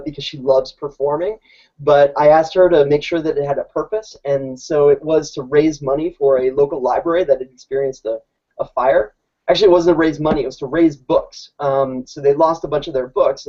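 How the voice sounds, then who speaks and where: This teacher's slightly high, mellow voice explains his classroom setup in an easygoing, informal presentation, and he keeps restarting his sentences. Audio quality is dull and lo-fi.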